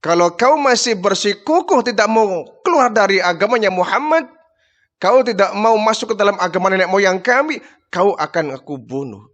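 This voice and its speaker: A man's voice: high voice, lively intonation, normal speed, fairly bright tone, dull audio. A man playing a cruel, arrogant male chief who boasts and threatens, within a storytelling sermon. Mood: threatening.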